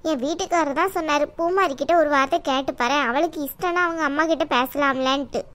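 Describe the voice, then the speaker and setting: A woman voicing a chatty, pushy middle-aged auntie who insists on arranging a match in an animated story. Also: sits high, fast talker. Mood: coaxing. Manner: coaxing, insistent, talks at length. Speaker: married neighbour acting as matchmaker. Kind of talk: cartoon voice acting.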